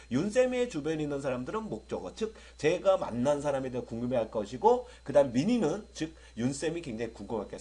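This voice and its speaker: A middle-aged man from South Korea lectures on English grammar in a slightly husky voice. His pitch sits a little high and swings widely as he talks. He keeps checking in with his students to see if they understand. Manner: lively, keeps asking students if they follow.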